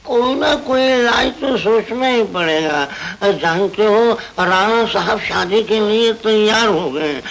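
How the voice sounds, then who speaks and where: An actor playing a scheming older uncle who talks slowly and slyly with pious chanting, in a 1960s film. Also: male voice, high-pitched, vocal fry, a bit bright, slight background noise, full character voice, low-quality recording. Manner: slow, chanting, sly. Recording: film soundtrack with music behind.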